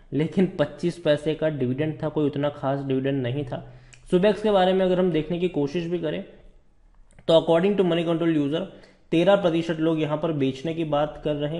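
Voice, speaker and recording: A man's voice: on the high side, mellow. A man giving casual stock market commentary, talking viewers through charts, repeating words for emphasis and addressing them as brother. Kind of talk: casual stock analysis over screen charts.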